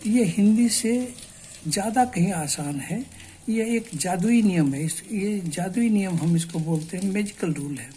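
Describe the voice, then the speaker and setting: A woman gives a spoken language lesson in a slow, explanatory way, breaking words into syllables and repeating them. Her voice is mellow and soft-edged. A faint hiss of noise sits under the recording. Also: mid-range voice, animated. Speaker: English teacher.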